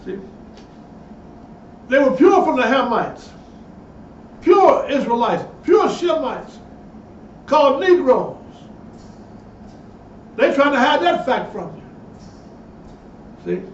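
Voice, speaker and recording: A man's voice: very high-pitched, very animated, slow, long pauses, a little hiss or hum. A man preaching, reading passages aloud and breaking in with emphatic asides. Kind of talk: sermon with read-aloud passages. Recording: echoey, distant, dull lo-fi sound.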